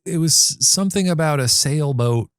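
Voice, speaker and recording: A man's voice: fairly high pitch, normal speed, no echo, studio quality. A man in his forties co-hosting a podcast, telling rambling stories in casual chat with many restarts. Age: 40s. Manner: animated, rambling storyteller with frequent laughs and restarts. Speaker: podcast co-host.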